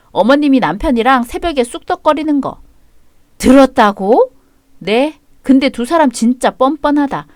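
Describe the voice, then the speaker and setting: A woman playing a sharp-tongued young wife. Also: sits high, no room sound, studio quality. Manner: cool, cutting, firm.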